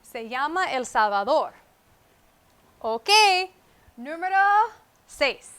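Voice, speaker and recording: Standing at a whiteboard with a wireless mic, a bright-voiced woman gives a comprehensible-input Spanish lesson. Her high voice is expressive, and she speaks slowly and carefully, repeating important words alongside English glosses.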